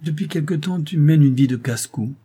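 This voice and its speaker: A man voicing an aging, loyal female servant with a cracked, tired voice, speaking slowly with halting pauses. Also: a little high, mellow, slightly rough, pitched above the performer's own voice. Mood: weary scolding.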